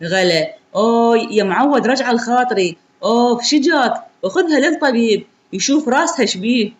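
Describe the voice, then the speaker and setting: A woman's voice: a little high, animated, fairly quick, lightly acted. Young iraqi second wife in a storybook, coaxing and dismissive, a woman reading her.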